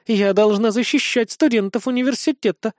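Man doing a squeaky sassy blonde girl soldier. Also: fairly quick, darkish tone, no room sound, studio quality, lightly acted. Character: bold tipsy young blonde woman soldier.

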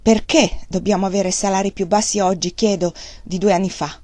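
A woman's voice: mid-range voice, steady tone, fairly quick, a little mellow, no echo, close to an everyday voice. A woman reading the part of a blunt, angry middle-aged male mill worker, defiant and scornful.

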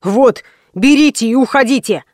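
A woman reading an audiobook, voicing a timid, pampered young man who pleads in a high, frightened voice. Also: moderate pace, dry recording, studio quality, lightly acted. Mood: panicky. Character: young male host, pampered pretty-boy, timid. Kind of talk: audiobook character voice.

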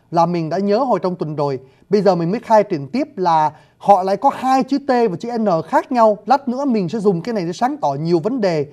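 A man's voice: high voice, mellow. A man teaching a lesson on writing systems and sounds, politely addressing his viewers and demonstrating pronunciations. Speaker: language teacher. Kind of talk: video lesson on scripts and sounds.

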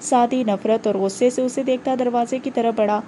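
A woman narrating a novel aloud in measured, dramatic storytelling. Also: a little high, fairly even intonation, dark tone, slight background noise. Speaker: audiobook narrator.

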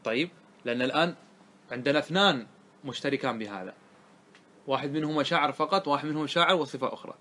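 Grammar sheikh teaching a lesson. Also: male voice, mid-range voice, sharp tone. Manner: asks students rhetorical checks, recites verse slowly. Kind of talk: classroom lesson explaining a grammar poem.

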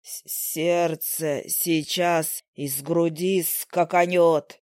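A woman's voice: fairly low pitch, steady tone, drawn-out words, darkish tone, no echo, studio quality, pitched below the performer's own voice. A woman voicing a melodramatic, lovesick male fly in a storybook, groaning and gallant.

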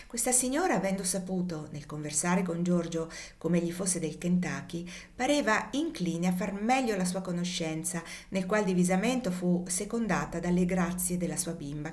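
A woman narrating a classic novel as an audiobook, with a steady, measured reading. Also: on the low side. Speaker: audiobook reader.

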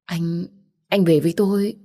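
A woman's voice: fairly low pitch, steady tone, moderate pace, warm tone, close to an everyday voice. A woman voicing an anxious, pleading young son. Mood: urgent. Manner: pleading, emotional. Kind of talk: audiobook character reading.

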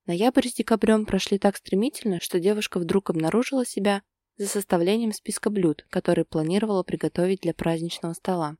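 A woman narrating a romance story in steady, scripted audiobook style. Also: mid-range voice, fairly quick, no room sound, clean studio sound.

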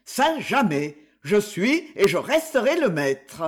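A man voicing a drunken, domineering old miller who shouts indignantly. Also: high-pitched, big pitch swings, takes it slowly, exaggerated voice. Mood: angry.

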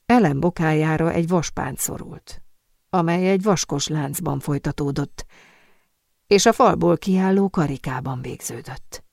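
Female audiobook narrator, low-ish, steady, very dry studio sound. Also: vocal fry, no room sound. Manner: even, descriptive storytelling. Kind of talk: scripted narration.

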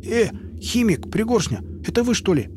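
A man's voice: on the high side, level tone, extremely slow, background noise, pitched above the performer's own voice. A man voicing a brash male stalker whose voice comes through a small radio speaker. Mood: surprised.

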